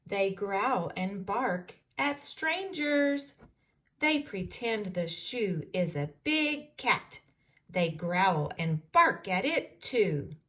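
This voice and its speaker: Reading a children's storybook aloud for young listeners, a woman uses an expressive storytelling style with careful enunciation. Her voice sits in the mid range and moves very slowly.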